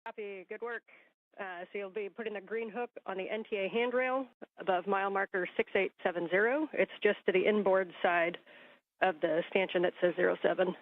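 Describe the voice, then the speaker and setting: A woman speaks over a thin, phone-like radio link from mission control, her sound dry and close. She gives calm, procedural, technical instructions. It is the clipped voice of a spacewalk comms channel. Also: medium pitch, fairly quick, no echo. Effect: narrow space-to-ground radio link. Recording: tinny dry radio line.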